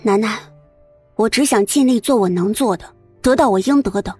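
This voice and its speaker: A man's voice: high voice, moderate pace, breathy edge, no echo, pitched above the performer's own voice. A man voicing an earnest, worried young woman in a dry audiobook reading with faint music under it. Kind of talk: audiobook character voice.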